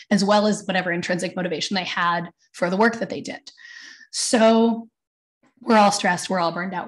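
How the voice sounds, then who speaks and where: A woman with a tired voice speaks into her computer mic from her room at home. She talks loosely and conversationally on a webinar, with frequent fillers and asides. Her pitch sits in the middle range. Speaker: panelist. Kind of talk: webinar talk. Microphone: computer mic on video call.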